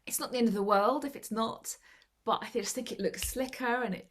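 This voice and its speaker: A woman's voice: a little high, fairly quick. A woman sharing tips in a casual chat over a laptop video call, laughing often and acting out little quotes. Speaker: club member giving tips.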